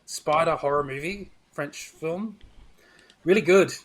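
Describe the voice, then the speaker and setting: A crowd can be heard behind this middle-aged man as he talks films on a podcast he co-hosts. His voice is a little high and his pace measured, and his take is casual, opinionated and dryly funny.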